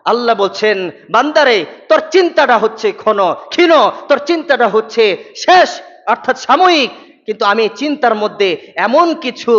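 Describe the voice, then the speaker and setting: A man with a high, ringing voice preaches with fervour, pressing his listeners with pointed questions. His sermon echoes through a large mosque hall. The recording sounds dull and lo-fi. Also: fairly bright tone. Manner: impassioned, rising to emphatic peaks, rhetorical questions to congregation. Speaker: mufti preacher. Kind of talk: Friday sermon.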